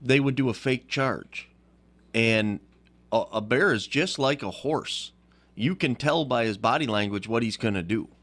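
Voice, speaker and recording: A man's voice: mid-range voice, unhurried, a bit bright. A man hosting a radio talk show, easygoing, often answering with a short "yeah". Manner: easygoing, with frequent "yeah" backchannels.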